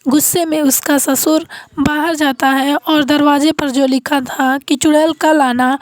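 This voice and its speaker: High-voiced woman telling a story. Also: dry recording. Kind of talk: storybook narration.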